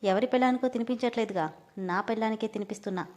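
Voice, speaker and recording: A woman reading the lines of a calm, stern young husband in a storybook, lowering her voice and speaking firmly and steadily. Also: very fast, close to an everyday voice.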